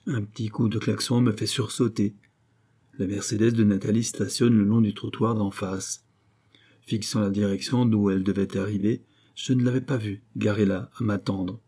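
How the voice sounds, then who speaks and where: Man, audiobook narrator, first-person novel, measured, mellow, husky. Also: lowish voice, fairly even intonation.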